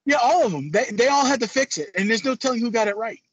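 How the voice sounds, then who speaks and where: A man co-hosting a casual religious discussion, quick and sarcastic, laughing at his own jokes. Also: extremely high pitch, animated, fairly bright tone, slightly rough, no echo, dull audio. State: clearing his throat. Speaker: co-host.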